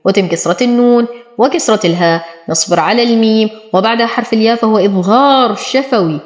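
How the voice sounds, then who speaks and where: Woman teaching recitation in an echoey room. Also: fairly high pitch. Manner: explains each letter step by step, then says the word slowly. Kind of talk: tajweed lesson.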